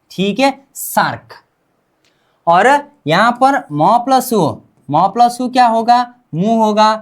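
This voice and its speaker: A woman teaching a language class, repeating sounds and asking and answering her own questions. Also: on the high side. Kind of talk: classroom-style language lesson.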